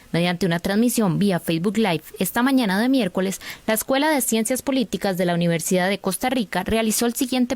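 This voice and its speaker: Woman, TV news reporter, steady formal read, dry close mic. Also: mid-range voice, no echo. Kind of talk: scripted news narration.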